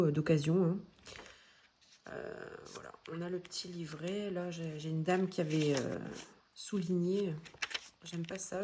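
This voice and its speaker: Soft-spoken woman with a dark, mellow voice. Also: lowish voice. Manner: hesitant, many fillers, gentle. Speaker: tarot deck vlogger. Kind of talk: casual show-and-tell.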